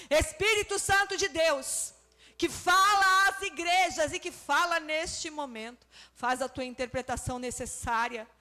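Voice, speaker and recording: A woman leading an earnest, steady spoken prayer in church. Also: sits high.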